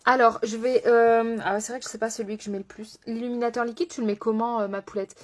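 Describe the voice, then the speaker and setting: A woman's voice: fairly high pitch, little pitch movement, fast. A woman makeup artist chatting casually on a live stream, laughing often and answering viewers by name as she works. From France.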